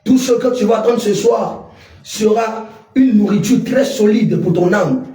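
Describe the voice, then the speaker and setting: A man's voice: high-pitched, unhurried, mellow. A man preaching on a local radio station, declamatory, punctuating his teaching with alleluia. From Côte d'Ivoire. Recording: echoey room, voice a bit far from the mic.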